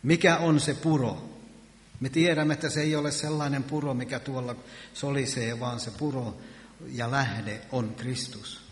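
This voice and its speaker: A man's voice: mid-range voice, fairly even intonation. A man preaching a sermon in earnest, with emphatic rises on key words. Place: church hall. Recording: echoey church hall.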